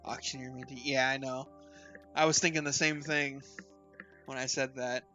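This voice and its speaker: A man's voice: mid-range voice, level tone, moderate pace, bright, forceful tone, lo-fi sound, soft background music. A man streaming casual game commentary, rambling through weapon stats and chuckling at himself. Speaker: streamer and tournament caster.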